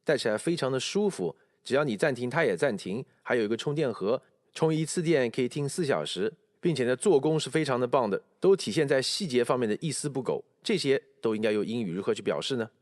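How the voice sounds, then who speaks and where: A man teaching English pronunciation, explaining and slowly repeating English phrases to show stress and intonation. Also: medium pitch, animated, no room sound, studio quality. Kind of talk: pronunciation lesson with spoken examples.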